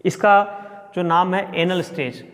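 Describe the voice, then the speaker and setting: A man's voice: sits high, steady tone, unhurried, fairly bright tone. A middle-aged male sociology professor giving a classroom lecture and explaining step by step with everyday examples. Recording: long reverb.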